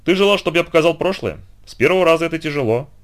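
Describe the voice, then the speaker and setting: Man doing a wise centaur friend, soft, calm, gently ironic, audiobook. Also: fairly high pitch, racing, voice pushed up, natural voice.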